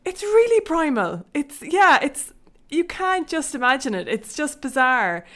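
A woman's voice: high voice, very animated, measured pace, a bit bright. Laughing, hesitant woman. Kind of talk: casual chat.

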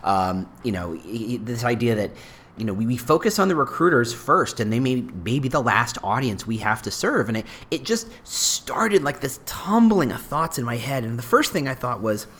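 A man's voice: mid-range voice, moderate pace, husky. A man hosting his own podcast, talking casually on his own with frequent restarts and asides. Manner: rambling, self-interrupting, lively delivery. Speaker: podcast host. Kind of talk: casual solo podcast talk.

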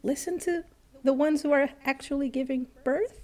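A woman hosting a podcast in casual chat, reading out comments and talking in a halting way with many fillers. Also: high voice, a little mellow.

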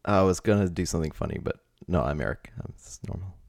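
Gravelly, giggly low-voiced man. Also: quick pace, a little mellow, no echo, clean studio sound. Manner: giggly, rambling, full of fillers. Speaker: podcast co-host. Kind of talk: casual comedic chat.

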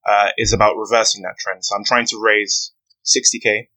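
A young man, giving an earnest, measured account as a podcast interview guest. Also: fairly low pitch, level tone, sharp tone, rough recording. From West London, UK. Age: 20s. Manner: earnest, measured storytelling with frequent "you know". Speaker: guest, aspiring barrister.

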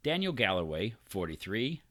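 A man's voice: fairly low pitch, very animated, moderate pace, pushed and bright. A man co-hosting a podcast, reading odd news stories aloud and joking with loose, profane asides. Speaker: podcast co-host.

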